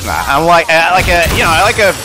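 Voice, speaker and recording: A man's voice: a little high, very animated, fairly quick, over music. A young man chatting casually while gaming, telling rambling, profane stories. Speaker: streamer.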